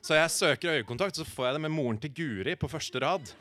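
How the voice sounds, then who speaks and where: A man telling a humorous personal anecdote in a halting, animated way, full of filler sounds and acted-out quotes. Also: on the high side. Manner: acts out quoted lines in shifting voices.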